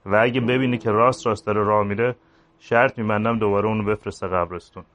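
A man's voice: fairly low pitch, fairly even intonation, fairly bright tone, muffled recording, natural voice. A man reading aloud the chatty, colloquial gossip of tired village men after a burial. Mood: gossipy.

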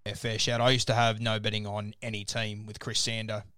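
A man's voice: lowish voice, completely flat delivery, brisk, bright, forceful tone, clean tone, dry recording, studio quality. A man with an Australian accent hosting a casual sports discussion and moving through a ranked list. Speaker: podcast host.

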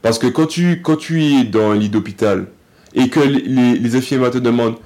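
This athlete, interviewed casually on a podcast, speaks in fits and starts, with many fillers and restarts. His voice sits in the middle range and sounds a little mellow.

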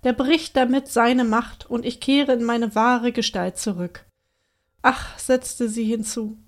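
Cursed young princess, read by a woman, sorrowful, gentle, soft and earnest, fairly high voice, bedtime storybook. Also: fairly even intonation, slow.

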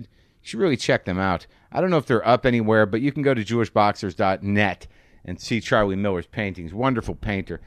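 A man's voice: fairly low pitch, dry recording, clean studio sound. A man hosting a podcast in casual chat, wry and teasing, with frequent profanity, recorded in a garage. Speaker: podcast host. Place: garage studio.

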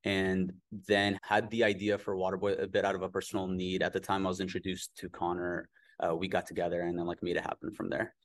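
A man's voice: deep voice, a little fast, dry recording. A man from Albania, a company founder, talking casually in an interview and saying "like" often. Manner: relaxed, says "like" often.

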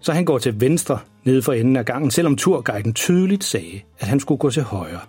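A man narrating a children's bedtime story in a measured storytelling manner. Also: mid-range voice, lively intonation, warm tone, breathy edge, faint music behind.

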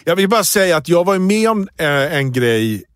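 A man co-hosting a casual chat podcast, telling a story with lots of swearing and acted-out shouting. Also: sits high, no room sound, clean studio sound. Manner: animated storyteller who swears and acts out quoted shouting. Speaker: podcast co-host.

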